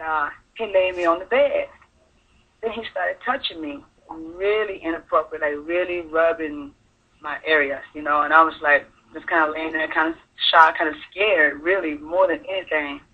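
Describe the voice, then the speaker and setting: A woman calling in to a radio show, telling her personal story in a halting, earnest way. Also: low-pitched, slightly rough. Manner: halting, earnest, full of fillers. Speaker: caller sharing her story. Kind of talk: personal testimony on call-in radio. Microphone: telephone. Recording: tinny phone line.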